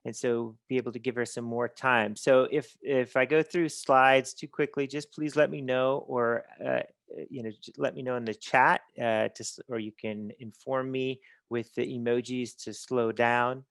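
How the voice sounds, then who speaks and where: A man presents at an online webinar, pausing often with fillers and restarting his sentences. His pitch barely moves as he speaks, and the sound is dry and close, with no room echo. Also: level tone, a bit bright, clear, resonant tone. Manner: halting, many fillers and restarts. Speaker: conference presenter.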